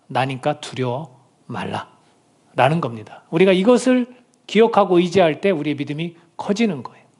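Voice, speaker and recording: In a church sanctuary, a male pastor delivers a Sunday sermon conversationally, often putting questions to the congregation. His voice is a little high and a little mellow.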